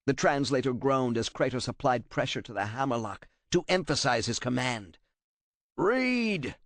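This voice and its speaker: A man narrating an audiobook with a dramatic, expressive delivery. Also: medium pitch, normal speed, no room sound.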